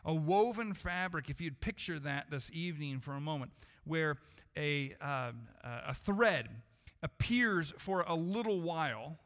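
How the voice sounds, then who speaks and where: A man with a slightly raised voice preaches to his congregation, earnest and measured, often circling back over his words. His voice rings with the long reverb of a church hall. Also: on the high side, fairly bright tone. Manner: earnest, measured preaching with frequent restarts and repetitions. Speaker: pastor. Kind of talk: sermon. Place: church sanctuary.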